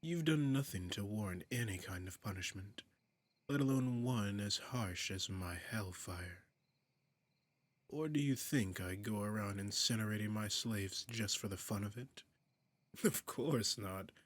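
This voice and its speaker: A man plays a flirtatious, commanding demon prince in an intimate roleplay audio drama, sounding silky, teasing and imperious, his breathy voice often dropping toward a whisper. He moves from curious and teasing to amused and commanding. His pitch is fairly low, his pace measured, and there is no echo.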